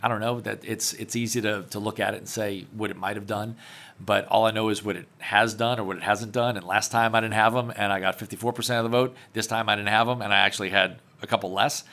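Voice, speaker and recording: A man's voice: on the low side, steady tone, quick pace, bright, forceful tone. A man, a parish councilman answering interview questions in a confident, plainspoken way. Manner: confident, plainspoken, laughs easily.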